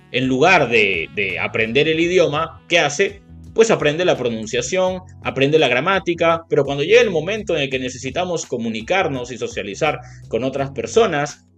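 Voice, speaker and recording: Speaking with a Latin American Spanish accent and a slightly high voice, a male English teacher presents a video lesson. He explains things step by step and checks in with the viewer often.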